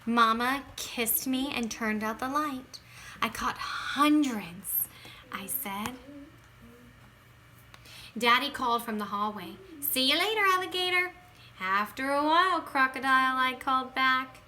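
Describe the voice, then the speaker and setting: Reading a kids' picture book, this high-voiced woman performs it dramatically, stretching words and swinging from whispers to outbursts. She takes her time, and there's a faint hiss or hum in the recording.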